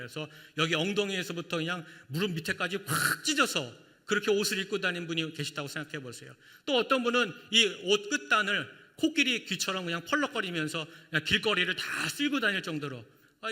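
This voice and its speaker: A male pastor delivers a lively sermon in a high, sharply bright voice. His words ring out with a long hall reverb around them. He keeps turning to the congregation with rhetorical questions. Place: church sanctuary.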